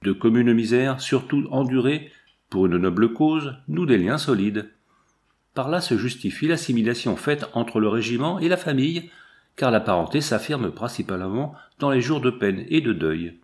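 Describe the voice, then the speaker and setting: A man narrating a war memoir in a measured, steady reading. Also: medium pitch. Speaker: audiobook narrator.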